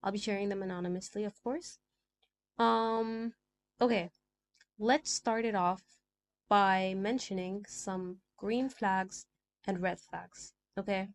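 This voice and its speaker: Speaking slowly at medium pitch with fairly even intonation, this young adult podcast host chats alone into a small desk mic, hopping between ideas. Originally from Sudan, she's a native Arabic speaker whose accent mixes American and British, and a little background noise is audible.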